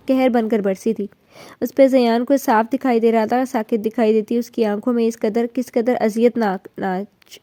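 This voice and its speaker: A woman reading a romance novel aloud in a measured, emotive storytelling style. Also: fairly high pitch, warm tone, no room sound. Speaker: novel reader.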